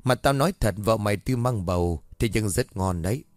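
A man's voice: on the low side, fairly quick, no echo, studio quality, natural voice. A man voicing a badly wounded man who begs for his life and then taunts his killer in a spoken horror story. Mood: taunting. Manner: strained, taunting. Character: wounded dying man, pleading and spiteful.

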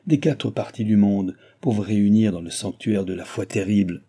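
A man's voice: on the low side, moderate pace, warm tone, slightly rough. A man reading an audiobook, voicing a haughty, commanding mysterious stranger who speaks with scorn. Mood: imperious. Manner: scornful, imperious.

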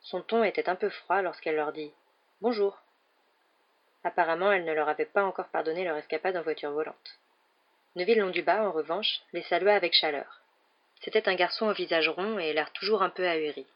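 A woman hosting a night-time radio reading, narrating a novel aloud in a calm, even voice. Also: fairly low pitch, fairly quick, muffled recording. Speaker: radio reader.

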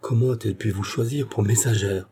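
A man's voice: on the low side, brisk, warm tone, a little hiss or hum, close to an everyday voice. A man reading as a timid young lieutenant. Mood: uneasy. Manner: hesitant, speaking faintly. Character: timid young army lieutenant, loyal, uneasy.

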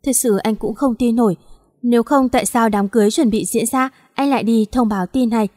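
Storybook role: gentle grieving young man, soft and choked read by a female narrator. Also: on the high side, a little fast, no room sound, studio quality, long reverb tail, lightly acted.

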